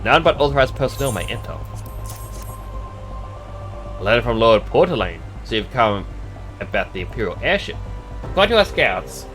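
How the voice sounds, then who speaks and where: A man voicing a courteous, formal knightly officer from a fantasy game, reading the dialogue aloud in a measured manner. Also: medium pitch, sing-song, a bit bright. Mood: official, guarded. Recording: music behind the voice.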